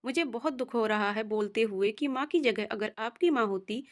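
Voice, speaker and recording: A woman's voice: on the high side, normal speed, lightly acted. A woman voicing a caring married daughter who is earnest and politely firm, in a storybook reading.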